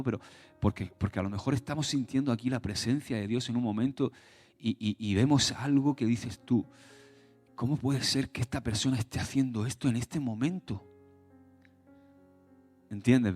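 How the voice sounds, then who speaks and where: A man's voice: medium pitch, darkish tone. A male pastor from preaching a sermon in a conversational way, with many restarts and rhetorical questions to the congregation.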